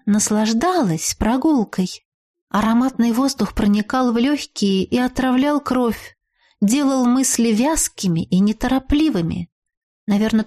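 A woman narrating an audiobook in the first person, reading expressively and drawing out words for dramatic pauses. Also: on the high side, a little mellow.

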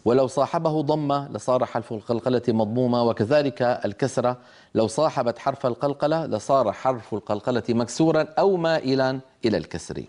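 Brief: male tajweed teacher, mid-pitched, patient, models each sound for the class. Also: fast, a little mellow. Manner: patient, demonstrates letter sounds aloud; asks listeners to repeat after him. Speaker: Quran recitation teacher. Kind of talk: televised tajweed lesson.

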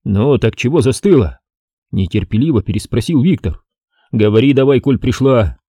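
A man doing an impatient, gruff police chief. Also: mid-range voice, expressive, normal speed, dark tone, no echo, clean studio sound.

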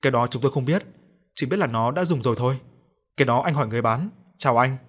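A man's voice: medium pitch, fast talker, fairly bright tone, breathy edge. A man playing a curt, businesslike policeman.

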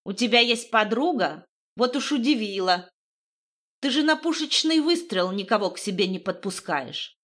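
A woman voicing a fussy, resentful older man in an audiobook, with a creaky, indignant, lecturing manner. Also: a little high, expressive, moderate pace, fairly bright tone. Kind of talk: audiobook reading.

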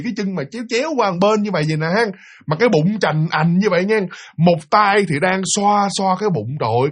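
A man narrating a ghost story in an animated, dramatic way, speaking directly to his listeners. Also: high-pitched.

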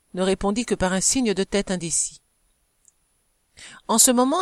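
Brief: female audiobook narrator, measured and expressive, mid-pitched, dry close recording. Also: dry recording. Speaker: audiobook reader. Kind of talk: scripted narration of a novel.

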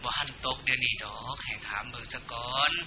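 A man with an Isan accent voicing the King of the Underworld as a gentle, stern judge, speaking slowly and softly in a dull, lo-fi recording. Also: mid-range voice, steady tone, voice pushed down, lightly acted. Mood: consoling. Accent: northeastern Thai (Isan). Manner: slow, soft, consoling. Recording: dull lo-fi recording with faint hiss.

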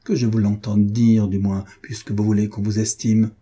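A man's voice: lowish voice, level tone, normal speed, mellow, breathy edge. A man reading an audiobook, voicing a wounded, furious woman who reproaches her lover with impassioned, ironic pleading. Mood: indignant. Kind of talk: audiobook reading of a classic novel.

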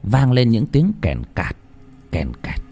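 A man's voice: medium pitch, big pitch swings, takes it slowly, warm tone, husky. A man narrating a ghost story in a theatrical, suspenseful style. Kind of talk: dramatic horror story narration. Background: faint music.

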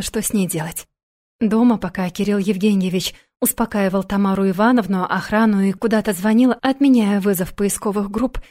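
A woman narrating a first-person audiobook in a gentle, soft-spoken way. Her voice is mellow and warm, pitched in an ordinary middle range.

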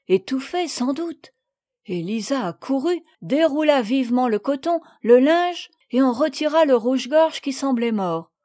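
A woman's voice: high-pitched, mellow, no echo, clean studio sound. A woman reading a classic children's novel aloud as narrator, giving each girl a voice of her own. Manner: reads with distinct voices for several girls. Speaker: audiobook reader. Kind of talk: scripted narration.

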